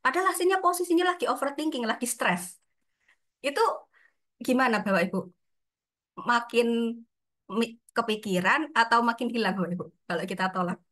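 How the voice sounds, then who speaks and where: A woman's voice: a little high, animated, fairly quick, pauses often, fairly bright tone. A woman leading an online training session in a chatty way, often addressing her audience and acting out inner voices.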